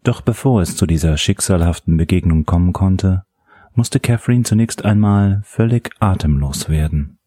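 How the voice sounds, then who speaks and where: A man reading an audiobook in a measured, steady way. His voice sits very low and has a husky grain, recorded dry and close with no room sound. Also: dry recording. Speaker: narrator. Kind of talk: audiobook narration.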